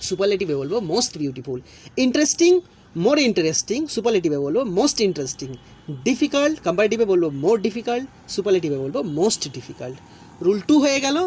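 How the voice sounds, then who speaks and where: A man with a high-pitched voice teaches grammar rules in a recorded online lesson, his intonation rising and falling with lively emphasis. He is patient, repeating each rule and explaining it slowly. He speaks into a close mic, and a faint hiss of noise runs underneath.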